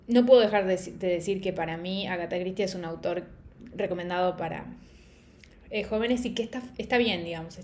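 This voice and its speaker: A young woman chatting casually in a book review vlog, opinionated and quick to laugh. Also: medium pitch, darkish tone, a little hiss or hum.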